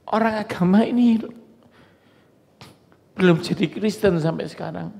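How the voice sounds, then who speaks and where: A male pastor preaches to his congregation, chatty and joking as he tells stories. His voice sits fairly high for a man, and it rings with the long reverb of a church hall. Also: measured pace, vocal fry, darkish tone. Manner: conversational, joking storytelling to a congregation. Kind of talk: sermon.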